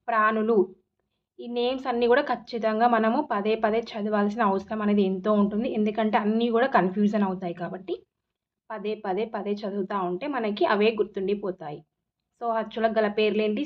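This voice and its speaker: A woman's voice: fairly high pitch, highs cut off. A woman teacher giving an exam-prep lesson, asking questions and answering them herself, repeating key terms. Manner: repetitive drilling, asks and answers own questions.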